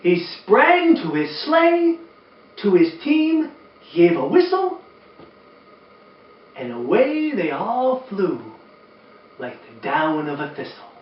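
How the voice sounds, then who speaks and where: Animated, high-pitched older man reading to children. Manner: animated, expressive, drawn-out emphasis. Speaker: children's storytime host and reader, former teacher. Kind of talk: children's story reading and talk to young children. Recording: roomy, distant, dull sound with faint noise.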